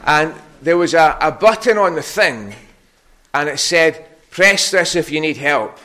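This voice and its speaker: Bright-voiced Scottish Hebridean man preaching to children. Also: a little high, unhurried. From Harris, Scotland. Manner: conversational, questioning, animated storytelling. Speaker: preacher giving a children's talk. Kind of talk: children's sermon told as a personal anecdote, with questions to the listeners.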